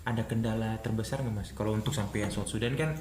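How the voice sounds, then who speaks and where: A man's voice: on the low side, steady tone, fast talker, roomy sound, background noise. A man hosting a casual interview, asking chatty questions and laughing easily. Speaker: host. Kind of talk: casual chat.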